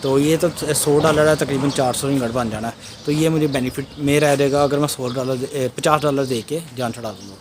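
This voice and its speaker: A man's voice: mid-range voice, a little fast, hardly any pauses. A young man from Pakistan, telling a travel story in a casual, rambling way full of fillers and restarts. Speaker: vlogger. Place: outdoors at a roadside border crossing. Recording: noisy outdoor ambience with birds and traffic.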